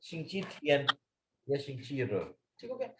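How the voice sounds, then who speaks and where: A man's voice: medium pitch, wildly swooping pitch, unhurried, background noise. A man teaching a language lesson, explaining patiently, repeating phrases and checking that the student follows.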